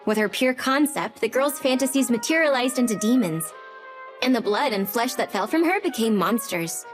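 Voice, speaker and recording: A brash, tough young woman fighter, voiced by a woman in an anime dub, blunt and mocking, her fairly high voice leaping around a lot. Music plays clearly behind her. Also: animated, normal speed, natural voice. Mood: scornful. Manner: blunt, sarcastic and rough-talking. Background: background music.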